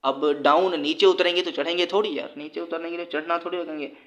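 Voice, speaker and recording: A man's voice: a little high, steady tone, brisk. A man with a Pakistani Urdu accent, teaching an exam-prep lesson in a casual, joking way and laughing at his own asides.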